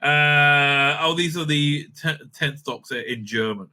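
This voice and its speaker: This man's voice is fairly high and bright with a forceful tone, and he takes his time speaking. As a YouTube host and reviewer, he offers rambling, opinionated takes that are blunt, dismissive, repetitive, and full of swearing.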